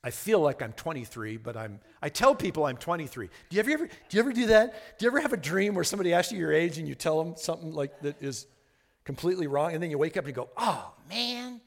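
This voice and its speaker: A man in his sixties preaching a sermon as pastor, earnest, often repeating words, moving between hushed lines and fervent ones. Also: on the high side, very animated, fast talker, gravelly, in a large hall. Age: 60s.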